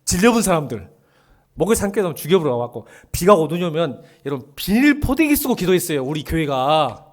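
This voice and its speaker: Lively high-voiced pastor, jokes around with the congregation, suddenly yells, twang here and there. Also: male voice, fairly quick. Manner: animated, joking with the congregation, bursts into shouting. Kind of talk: sermon. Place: church sanctuary.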